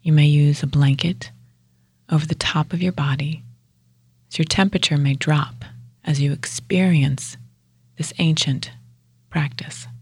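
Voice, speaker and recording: A woman guides a yoga nidra practice in a low, steady voice, hushed and measured, breathy and husky and frequently nearing a whisper. She breaks her speech into short phrases with pauses, and there's no echo.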